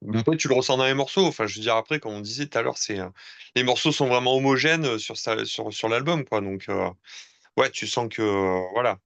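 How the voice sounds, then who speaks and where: A man's voice: medium pitch, brisk, vocal fry, a bit bright, no echo. A band member in a casual interview, speaking hesitantly and stumbling over his words.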